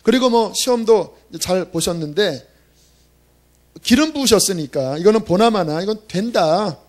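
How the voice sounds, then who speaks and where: A man's voice: high-pitched, animated, moderate pace. A male pastor preaching a sermon at a church service, telling a story in a conversational, emphatic way.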